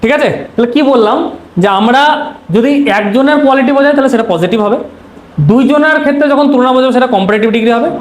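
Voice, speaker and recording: A man's voice: very high voice, very fast. A man teaching an exam-prep grammar lesson, posing questions and answering them himself. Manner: asks rhetorical questions then answers them; repeats key terms to drill them. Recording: roomy echo, faint noise.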